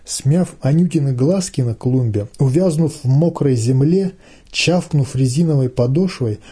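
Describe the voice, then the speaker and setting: A man reading a story aloud in a measured, even way. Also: mid-range voice, husky. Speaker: reader.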